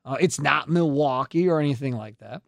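A man's voice: medium pitch, normal speed, creaky, a bit bright, no echo. A man hosting casual sports radio on a studio microphone, with a blunt, teasing way of talking. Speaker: radio show host.

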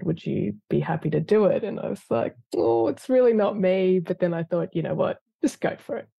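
Creaky, dark-voiced lawyer. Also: medium pitch, dry recording. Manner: reflective, earnest, with frequent fillers. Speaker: award-winning government lawyer, interview guest. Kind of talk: interview answers.

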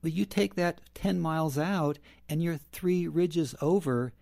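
Mellow-voiced man telling a story. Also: fairly high pitch, a little slow, vocal fry, no echo, clean studio sound. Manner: storytelling, lightly sarcastic. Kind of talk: casual roundtable talk.

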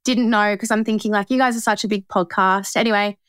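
A woman's voice: medium pitch, steady tone, fast, a bit bright, clean tone, dry recording, clean studio sound. A woman in her twenties with an Australian accent, a podcast guest telling personal stories in a chatty, slangy way. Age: 20s. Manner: slangy, chatty, quotes conversations. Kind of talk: casual personal storytelling.

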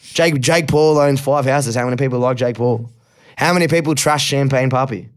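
Australian man, podcast guest, candid, reflective, casual swearing, mid pitch. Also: normal speed. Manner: candid, reflective, swears casually, repeats words when emotional. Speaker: guest rapper.

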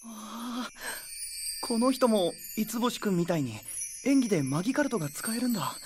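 A woman's voice: a little high, expressive, moderate pace, darkish tone, soft background music, lightly acted. A woman playing an earnest, timid young art student boy in an anime audio drama, polite and easily flustered. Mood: wondering.

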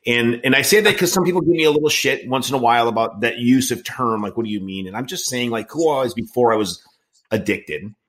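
Talking fast in a mid-range, slightly bright voice, this podcast host in recovery keeps his casual interview earnest but rambling, often restarting. He is a man in his late forties, in his 40s.

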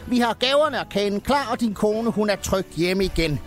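A man voicing a small, sensible Christmas elf who calms Santa down. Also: sits high, soft background music, voice pushed up. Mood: reassuring. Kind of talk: comedic storytelling.

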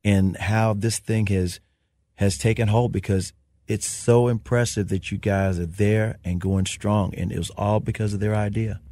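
A man's voice: lowish voice, fairly even intonation, unhurried, warm tone. A man hosting a podcast interview, affirming his guest and enthusiastically asking him questions. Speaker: podcast host. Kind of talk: interview conversation.

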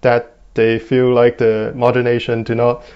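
A man's voice: mid-range voice, completely flat delivery, a little slow, clear, resonant tone, highs cut off. A man in his twenties with a Hong Kong accent, giving thoughtful interview answers with many fillers and "right?" tags. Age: 20s. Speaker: guest.

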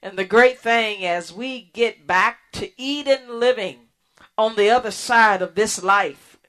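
A woman hosting a radio ministry program, preaching in a slow, earnest way with pauses and restarts. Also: medium pitch, a bit bright. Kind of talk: sermon.

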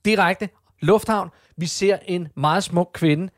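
A man's voice: high voice, no echo, studio quality. A man co-hosting in casual chat, playful, often stumbling over repeated words.

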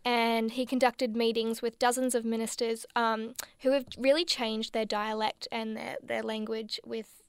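Clear-voiced woman radio host. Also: a little high, little pitch movement, unhurried, dry recording. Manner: earnest, explanatory, with light teasing. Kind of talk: radio hosting and reporting. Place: radio studio.

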